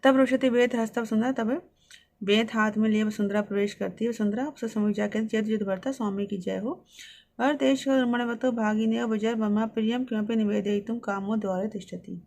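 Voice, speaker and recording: A woman teacher reading Sanskrit lines and explaining each one, in a steady line-by-line lesson. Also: on the high side, normal speed.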